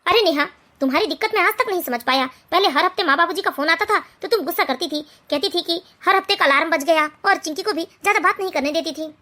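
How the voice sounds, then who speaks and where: A weary husband from an animated family drama, as a woman plays him, reasoning and exasperated. The lowered voice still sits high and bright. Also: fast, hardly any pauses.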